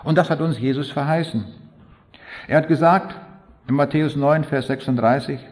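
Older preacher in an echoey hall. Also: male voice, on the high side, normal speed, darkish tone. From East Prussia. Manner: fervent, rising to emphatic appeals, long spoken lists. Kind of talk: sermon. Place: large hall.

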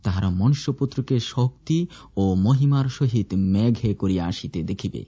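A man reading scripture aloud in a measured, formal recitation. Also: on the low side, lively intonation, warm tone, husky. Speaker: scripture reader. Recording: dull lo-fi recording.

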